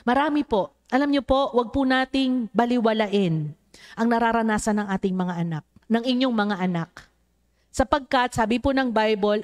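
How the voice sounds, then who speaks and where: A woman preaching a sermon to a congregation, mixing English into her talk and acting out the voices of children in her stories. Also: medium pitch. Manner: mixes English into Tagalog, addresses the congregation.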